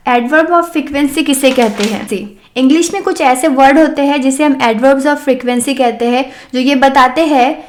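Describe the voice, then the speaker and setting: Teacher, female, Urdu accent, high voice, patient explainer who slows down for the example sentences. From South Asia. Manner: explains step by step and reads example sentences slowly and deliberately. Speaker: English teacher. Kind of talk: language lesson.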